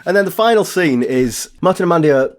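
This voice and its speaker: A man's voice: on the high side, expressive, quick pace. A man with a British accent co-hosting a podcast, steering the chat and recapping episode scenes. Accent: British English. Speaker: podcast co-host. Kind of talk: casual chat about sitcoms.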